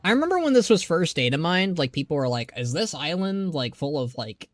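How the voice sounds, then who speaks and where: Male live streamer, fairly high voice, casual rambling commentary, dry echo-free sound. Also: very animated, a little fast. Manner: rambling, conversational, thinking aloud.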